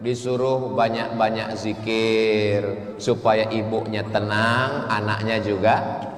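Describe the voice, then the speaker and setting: A man delivers a humorous sermon at an unhurried pace. He slips into slow, melodic chanting and plays his questioners in a raised voice. His voice rings through a big reverberant hall. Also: on the low side, level tone, faint music behind. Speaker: preacher. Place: large mosque hall.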